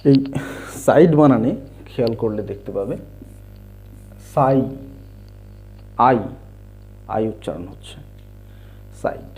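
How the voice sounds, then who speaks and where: Slow, patient male teacher spelling words. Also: mid-range voice, mellow. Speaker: English teacher. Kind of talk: slow explanatory lesson. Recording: dull lo-fi recording.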